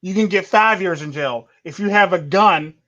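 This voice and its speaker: A man with a high, fairly bright voice hosts a casual livestream chat at normal speed, opinionated and laughing easily as he rambles on at length. The sound is dull and lo-fi, like a remote call.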